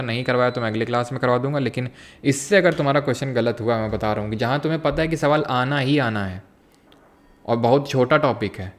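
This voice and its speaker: Man teaching a live exam-prep class. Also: mid-range voice. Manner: Hindi mixed with English terms, coaching tone. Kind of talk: live online class with chat replies.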